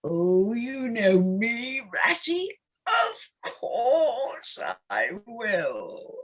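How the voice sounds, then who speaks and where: A woman's voice: a little high, sing-song, drawn-out words, slightly rough, full character voice. A woman playing an impulsive, scheming male toad in an audio play, with a theatrical, wheedling manner. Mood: sly, wheedling. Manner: theatrical, wheedling, hesitant stammers. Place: living room, recorded over video call.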